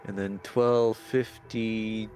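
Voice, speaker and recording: A man's voice: fairly low pitch, little pitch movement, slow, darkish tone. A man co-hosting a let's play, sarcastically commenting and reading in-game text aloud. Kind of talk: casual gameplay commentary. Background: game music.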